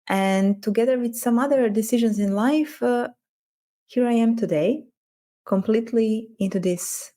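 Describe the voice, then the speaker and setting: A woman's voice: mid-range voice, darkish tone. Woman coach, reflective podcast talk. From Croatia. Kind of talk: casual podcast conversation.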